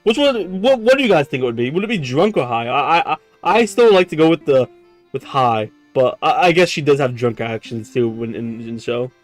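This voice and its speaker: A young man streaming a dating game, excitable, laughing often and repeating words as he stammers. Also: medium pitch, a little fast, faint music behind. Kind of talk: reading a dating sim aloud on stream.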